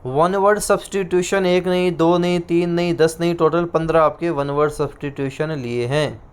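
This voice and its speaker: Teaching exam prep with a Rajasthani Hindi accent, this man speaks in a fairly high, steady, clean-toned voice. Every answer gets said more than once, and he slows to dictate terms.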